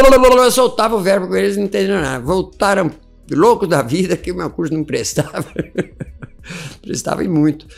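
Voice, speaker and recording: A man teaching English in an informal video lecture, animated and full of rhetorical questions. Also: on the high side, gravelly. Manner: animated, asks rhetorical questions, chuckles often.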